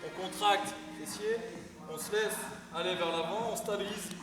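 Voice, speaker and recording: A man leads a home workout as a fitness coach, instructing step by step and counting out repetitions as he demonstrates. His voice sits slightly high. He is picked up from a distance in a reverberant sports hall, with music playing behind him. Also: animated, moderate pace. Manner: instructive, counts reps while exercising.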